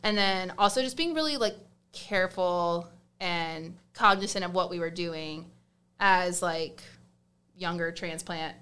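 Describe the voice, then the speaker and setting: Woman, Southern US accent, young adult, smooth, interview guest, rambling fillers. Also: on the low side, a little slow, sharp tone. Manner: chatty, many fillers and restarts. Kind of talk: casual interview chat.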